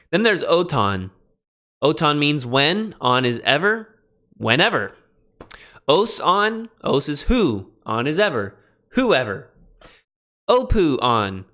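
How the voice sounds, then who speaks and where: A man teaching a lecture on biblical Greek grammar, emphatic and lively, with quick asides to his students. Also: medium pitch. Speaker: Greek instructor. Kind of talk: recorded classroom lecture.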